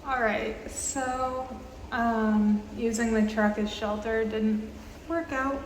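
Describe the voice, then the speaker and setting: A woman in her twenties with a fairly high voice chats casually for a travel vlog from a small tiled public bathroom indoors. She speaks slowly and evenly but haltingly, with many fillers, and the room adds a roomy echo over faint background noise.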